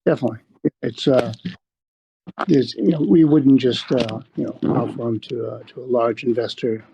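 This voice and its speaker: A man, a project developer, answering in a casual live voice chat, halting, with many fillers and restarts. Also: medium pitch, fairly even intonation, vocal fry, warm tone, slightly rough, rough recording.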